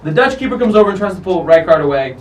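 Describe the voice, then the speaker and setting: Brief: male host, high-pitched and animated, off-mic slightly, music bed behind, casual soccer commentary. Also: rapid-fire, far from the mic, poor audio. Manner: animated, profane, acts out players' lines. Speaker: host of a soccer countdown show. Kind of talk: casual commentary over match footage.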